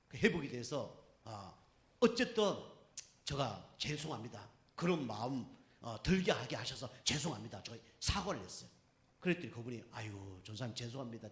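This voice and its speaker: A man preaching a sermon as pastor, telling a personal story in a lively way and acting out what others said. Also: fairly high pitch. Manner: animated storytelling, voicing others in quotes. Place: church sanctuary. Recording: echoey church hall.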